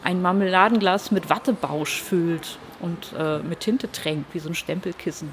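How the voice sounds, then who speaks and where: A woman's voice: lowish voice, moderate pace, slight background noise. A woman from Hamburg, a comic artist, telling her story in an interview in a reflective way with hesitant fillers. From Hamburg, Germany.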